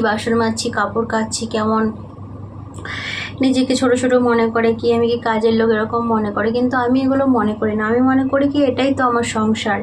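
A young woman from Medinipur chatting softly in a casual home vlog, sleepy and sweaty in the heat. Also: fairly high pitch, noisy background. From Medinipur, West Bengal, India. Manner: soft, hushed talk so a sleeping child stays asleep. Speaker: vlogger, housewife and mother. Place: small home indoors. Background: background music.

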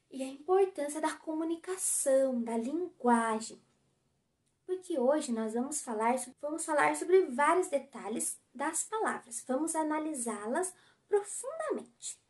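Slow, high-voiced Brazilian teacher. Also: female voice, a little mellow. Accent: Brazilian Portuguese. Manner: clear, patient, spells out syllables. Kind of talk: recorded class for children.

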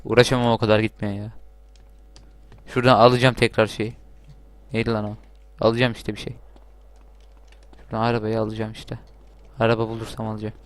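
A man giving casual gameplay commentary, talking loudly and swearing and shouting at the game. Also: on the low side, monotone, fairly quick, long pauses, no room sound. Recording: game music playing behind.

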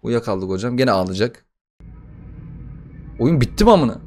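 A young man doing casual gaming commentary, excitable and profane, bantering with the game as he plays a horror title. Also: medium pitch, moderate pace, faint music behind. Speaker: gaming YouTuber.

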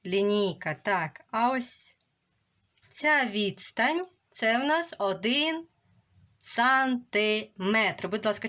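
A young woman teaching a remote lesson to young schoolchildren, slowly and clearly sounding out words and letters. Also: medium pitch, fairly bright tone.

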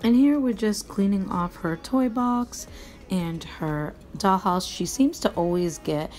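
A woman, a mother of four, narrating a home cleaning vlog in a relaxed, matter-of-fact voice-over. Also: mid-range voice, a little slow. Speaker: vlogger, mother. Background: faint music.

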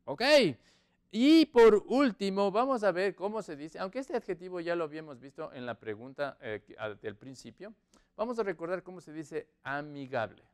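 This man's voice sits high, expressive and a little mellow, with a clean tone. Teaching English online to Spanish speakers, he slowly drills and repeats words and model sentences, explaining more quickly in between.

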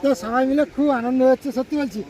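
High-voiced chatty vlogging man. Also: very fast, dark tone. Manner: chatty, teasing family members, bursts of singing. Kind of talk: casual travel vlog. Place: outdoors on a beach at night, then at a dinner table.

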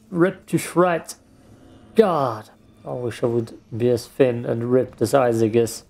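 In a creaky, dark-toned, mid-range voice, an Austrian man commentates his gameplay in German. As a let's play host, he keeps it casual, joking and self-deprecating throughout.

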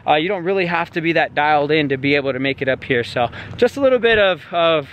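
A man's voice: on the high side, animated, fast talker, lo-fi sound. A man vlogging casually on a mountain trail, a bit out of breath and rambling with fillers. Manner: laid-back, rambling with fillers. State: a little out of breath. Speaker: off-road vlogger. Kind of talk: casual outdoor vlog talk.

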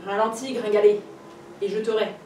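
Lady putting on a big bad wolf, growly and loud, high lively voice, echoey room far from the mic. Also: measured pace, slight background noise. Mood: threatening. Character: big blustering male wolf, hungry and boastful. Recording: roomy library heard from a distance.

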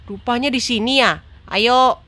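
A woman hosting a casual let's-play, chatting excitedly to her viewers and laughing often as she plays. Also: a little high, unhurried, no echo. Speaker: gaming channel host.

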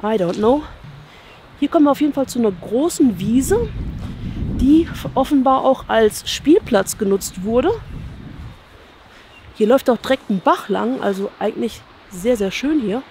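With a warm, slightly high voice and a German accent, this thirties-aged urban exploration vlogger strolls an abandoned campsite outdoors. She muses aloud in casual walking commentary, frequently seeking viewers' agreement, recorded on a chest-worn action camera. Slight background noise is present.

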